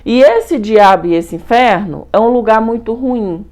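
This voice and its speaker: A middle-aged Brazilian woman telling a personal story to her viewers in a lively, colloquial, repetitive way. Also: on the high side, measured pace. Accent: Brazilian Portuguese. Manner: animated, repetitive, colloquial retelling. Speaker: spiritual channel host.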